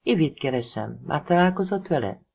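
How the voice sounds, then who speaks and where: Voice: medium pitch, animated, vocal fry, slightly rough, muffled recording. A narrator voicing a kind, smiling pregnant woman with a slight foreign accent, in an audiobook reading. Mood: kindly. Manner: soft and kindly.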